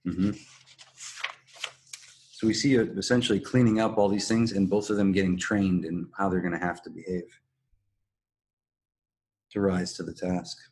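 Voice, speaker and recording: A man co-hosting a podcast, explaining and analysing in a measured, casual conversational way. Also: low voice, level tone, a little mellow. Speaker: podcast co-host. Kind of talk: casual analytical discussion of a TV drama.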